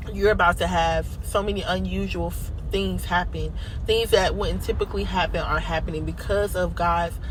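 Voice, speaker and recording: A woman's voice: lowish voice, background noise. An American woman vlogger speaking with braces, giving earnest, emphatic, casual faith encouragement and repeating phrases for emphasis. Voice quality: speech slightly impeded by dental braces.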